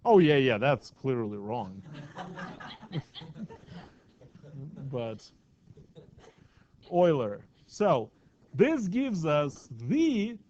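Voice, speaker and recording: A math teacher lectures in a classroom, his voice sitting a little high for a man. He keeps it chatty, tossing questions out to the class. The recording is dull and lo-fi. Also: sing-song, drawn-out words, long pauses, darkish tone, slight background noise.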